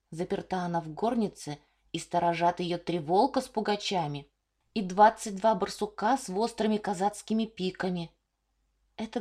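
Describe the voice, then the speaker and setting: A woman voicing an earnest village girl in a storybook reading, eager and lively as she tells a tale. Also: medium pitch, natural voice.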